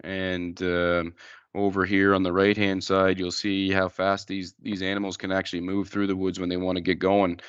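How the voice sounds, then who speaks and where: Low, even-toned man giving a wildlife talk. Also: clean tone, no room sound, dull audio. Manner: plain-spoken, halting, explanatory. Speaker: wildlife educator, presenter. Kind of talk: informal educational slide presentation to a group.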